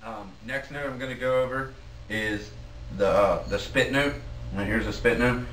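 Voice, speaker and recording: A man giving a casual, plain-spoken instructional demonstration as a goose calling instructor, with halting delivery. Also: medium pitch, fairly bright tone. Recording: roomy, distant mic, faint noise.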